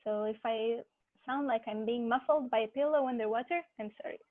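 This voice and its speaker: A woman's voice: a little high, fairly quick. A woman teaching an online movement class, her voice muffled as if heard through a wall by bad headphones. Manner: friendly, hesitant, frequent fillers and small laughs. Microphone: cheap headphone mic on a video call. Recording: muffled tinny video call through cheap headphones.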